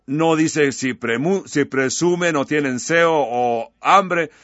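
A male preacher delivers a sermon slowly and deliberately, retelling a story before leading a prayer. His voice sits at a middle pitch. The sound is dry and a little dull, with no room echo. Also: a bit bright.

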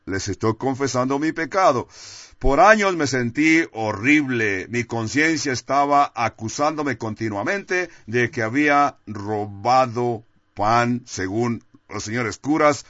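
A man's voice: medium pitch, expressive, a little slow, fairly bright tone, no echo. A man preaching a sermon and telling a personal testimony in an earnest, confessional way. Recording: dull, dry, lo-fi sound.

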